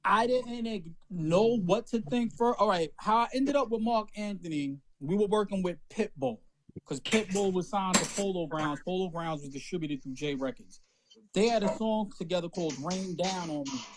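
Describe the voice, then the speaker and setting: A man co-hosting a podcast, telling an anecdote in an animated, profane, casual way. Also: sits high, normal speed, noisy background. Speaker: podcast co-host. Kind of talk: casual storytelling chat.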